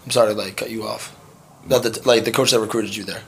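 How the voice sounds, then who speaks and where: A young man hosting a podcast, talking casually with lots of fillers and quick agreeing interjections. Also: fairly low pitch, fairly even intonation, a little hiss or hum. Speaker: podcast host. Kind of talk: casual chat.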